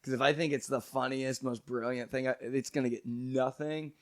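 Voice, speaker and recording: A man guesting on a comedy podcast, joking crudely with a deadpan delivery. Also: mid-range voice, normal speed. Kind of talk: casual chat.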